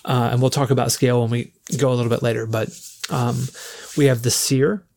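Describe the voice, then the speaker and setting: Man running game prep, mid-pitched voice, easygoing explainer with lots of ums. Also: a little fast, vocal fry. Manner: relaxed, explains rules with many fillers. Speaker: game master. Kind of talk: casual game prep chat.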